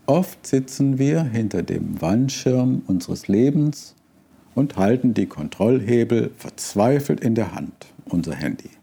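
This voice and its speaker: A man preaching a sermon, calm and reflective, after reading a story aloud. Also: on the low side, creaky, slightly rough.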